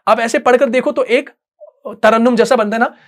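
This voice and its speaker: A man's voice: very high voice, fairly quick. A man teaching an online Quran recitation class, explaining patiently and often checking that students follow.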